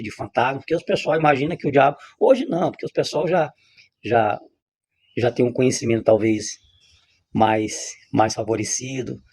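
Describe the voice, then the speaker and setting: Husky-voiced man teaching on scripture. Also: medium pitch, a little mellow. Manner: repetitive, emphatic, with frequent restarts. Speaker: religious teacher. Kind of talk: spontaneous spiritual teaching monologue.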